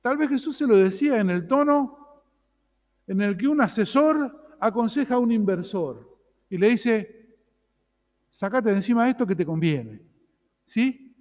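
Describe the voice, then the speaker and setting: A man's voice: sits high, expressive, unhurried, long pauses, a little mellow, long reverb tail. A man with a Rioplatense Spanish accent preaching a sermon as pastor, in a conversational way that keeps asking his listeners for agreement. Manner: conversational, asks the congregation "¿no?".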